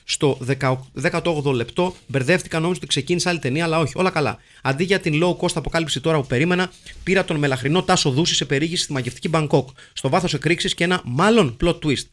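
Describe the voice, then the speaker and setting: A man with a slightly higher voice hosts a live podcast, reading listener comments and joke casting lists aloud. His delivery is wry and mock-solemn, letting the gags land without pushing them. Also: fairly bright tone. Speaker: podcast host.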